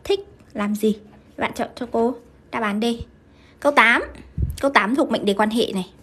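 Vietnamese woman, English teacher on a livestream, high voice, brisk questioning delivery. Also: fairly bright tone, husky. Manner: brisk, keeps asking students to confirm. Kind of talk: live-streamed grammar lesson.

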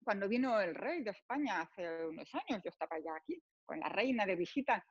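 Woman, Spanish accent, interview guest, animated storyteller, dry muffled sound. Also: medium pitch, brisk, husky, dry recording. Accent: Spanish (Spain). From Spain. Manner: animated storyteller, acts out dialogue, laughs often. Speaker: radio presenter and Spanish teacher, interview guest. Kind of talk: casual interview chat.

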